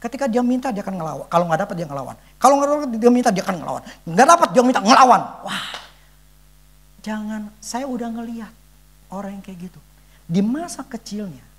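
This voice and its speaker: Dad sharing a testimony at church, voice jumps around a lot, earnest and emphatic, keeps hunting for words. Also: male voice, high-pitched, lively intonation, a little fast, long pauses. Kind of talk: conversational sermon testimony.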